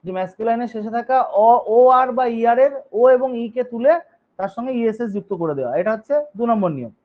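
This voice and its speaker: A man's voice: very high voice, animated, fast. A male teacher giving a grammar lesson. He spells words out letter by letter, reads each rule in English, explains it, and keeps checking in with his students. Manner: reads rules in English, then explains them in Bengali. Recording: dull lo-fi recording.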